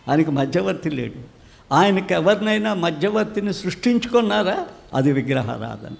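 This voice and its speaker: A man with a Telugu accent preaches a sermon, pressing his points by saying them twice. His voice is gravelly and a little high. It rings out with a long reverb from the church hall. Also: a little mellow. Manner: emphatic preaching with repetitions. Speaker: pastor.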